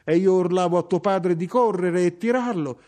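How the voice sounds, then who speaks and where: A man reading aloud voices an older Sicilian mother who is brisk, proud and sharp-tongued, lifting his voice for her. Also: natural voice. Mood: brisk recounting. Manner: animated, raised pitch for the mother's lines.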